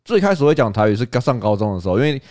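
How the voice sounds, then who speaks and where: A man's voice: medium pitch, very animated, racing, darkish tone, dry recording, clean studio sound. A young man with a Taiwanese Mandarin accent, co-hosting a casual chat podcast, restarting mid-sentence and tossing in joking asides. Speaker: podcast co-host.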